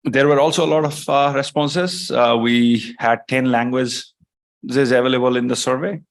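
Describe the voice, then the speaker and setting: A man from Nepal chairing a members meeting, speaking off the cuff with many pauses and fillers. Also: medium pitch, steady tone. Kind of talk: unscripted meeting address.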